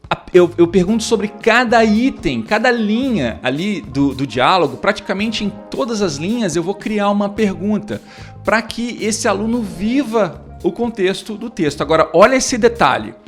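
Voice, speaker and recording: A man's voice: sits high, lively intonation, normal speed, soft background music. A man teaching English, who explains lesson steps in a casual, talkative way full of fillers and restarts. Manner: talkative, many fillers and restarts, acts out teacher-student dialogues.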